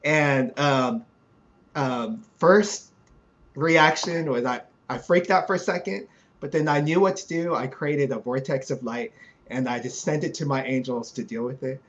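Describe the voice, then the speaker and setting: A man co-hosting a chat, telling his own story in a relaxed, hesitant way with many fillers. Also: mid-range voice, a little slow. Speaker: co-host. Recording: dull lo-fi sound.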